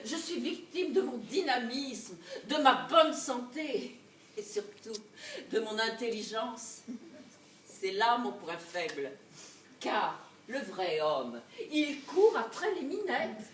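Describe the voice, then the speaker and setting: A scorned wife, fiery and scheming, played by a woman on a theatre stage in a live comedy. Her voice sits high, and her speech is slow and deliberate. She laughs through her plots and drops to low asides. The sound is roomy and picked up from a distance. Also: big pitch swings, a little hiss or hum, exaggerated voice. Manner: laughing, swinging between loud outbursts and low asides. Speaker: stage actress. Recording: echoey stage recorded from far off.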